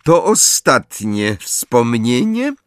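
A man reading an audiobook, voicing a cold, menacing male professor who speaks quietly and slowly. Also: medium pitch, sing-song, dry recording, studio quality, voice pushed up, full character voice. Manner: quiet, slow, threatening, sneering.

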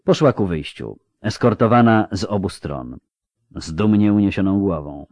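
A very low-voiced man reads an audiobook with dramatic flair. His pitch moves widely as he tells the story. The recording is dry and close. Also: moderate pace, dry recording. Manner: expressive, dramatic reading. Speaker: audiobook reader. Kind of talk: audiobook narration.

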